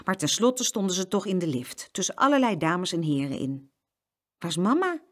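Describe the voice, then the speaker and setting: A woman's voice: on the low side, very animated, a little fast. A woman reading a children's story aloud and acting out the sound effects.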